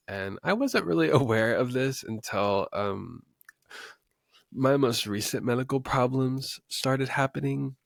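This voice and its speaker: A young man in his twenties, originally from West Texas, hosts his own podcast with loose, unscripted chatter. His voice carries a gravelly, fry-tinged edge, and he rambles freely with plenty of ums and little laughs. The sound is dry and close, with no room echo. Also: medium pitch. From West Texas, USA. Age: 20s. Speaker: podcast host. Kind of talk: casual unscripted podcast talk.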